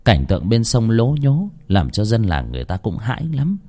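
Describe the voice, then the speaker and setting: A man's voice: on the low side, wildly swooping pitch, moderate pace, dark tone. A man narrating a horror story with dramatic, emotive storytelling.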